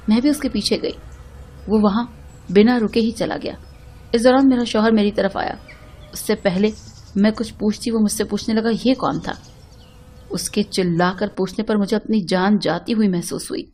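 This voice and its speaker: A woman telling a dramatic first-person story in an emotional, expressive reading. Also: medium pitch, a little hiss or hum.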